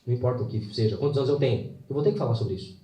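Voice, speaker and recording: Casting: earnest male faith speaker, mellow tone, echoey hall, mic at a distance. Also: medium pitch. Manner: earnest storytelling with dramatic pauses. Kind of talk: live inspirational talk. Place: hall with an audience.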